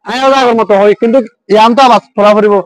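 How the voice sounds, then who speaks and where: High-voiced man teaching English intonation. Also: little pitch movement, very fast. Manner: mixes English phrases with regional Bengali, drills students in call-and-response. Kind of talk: classroom lesson.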